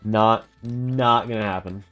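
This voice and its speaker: A man's voice: on the low side, steady tone, slow pace, fairly bright tone, dull audio, soft background music. Rambling young male gaming streamer. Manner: rambling, filler-heavy, talking to chat. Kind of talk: casual live gameplay commentary.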